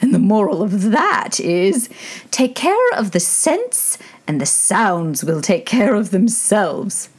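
A woman's voice: mid-range voice, very animated, slightly rough, pitched above the performer's own voice, full character voice. A woman voicing a fussy old duchess who drags out her words pompously, as if moralizing. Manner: slow, drawn-out and pompous.

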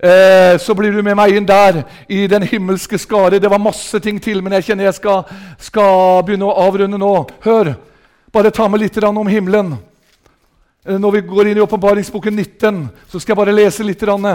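A man with an Østfold Norwegian accent preaching a revival sermon in a meeting hall, fervent and shouting hallelujahs, swinging between loud outbursts and soft asides. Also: sits high, flat delivery, clear, resonant tone. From southern Norway.

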